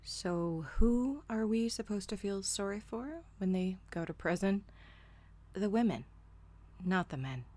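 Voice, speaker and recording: Hosting her own solo commentary show, a woman delivers scripted opinion pieces bluntly and sardonically, with casual profanity. Her voice sits mid-range with a dark tone.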